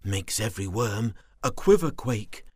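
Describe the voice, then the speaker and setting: A man's voice: lowish voice, lively intonation, measured pace, no echo, clean studio sound. A man reading a children's picture book aloud in a rhythmic, playful sing-song. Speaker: storyteller.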